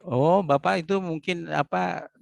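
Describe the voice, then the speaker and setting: Gravelly older man with a Malaysian accent. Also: fairly high pitch, a little slow, no room sound. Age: 60s. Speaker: retired professor. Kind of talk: casual video call chat. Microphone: video call.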